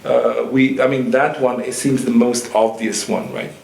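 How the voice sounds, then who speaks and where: Man, panel organizer, halting and filler-heavy, roomy echo, faint hiss. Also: medium pitch, level tone, gravelly. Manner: halting, many fillers and restarts. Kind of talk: panel discussion. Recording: echoey hall, faint noise.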